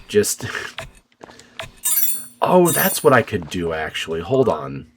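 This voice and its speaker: A man hosting a let's play, chatting casually and haltingly with lots of fillers and restarts, offhand and a bit profane. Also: sits low, wildly swooping pitch, slight background noise. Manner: rambling and hesitant, many fillers and restarts. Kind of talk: casual gameplay commentary.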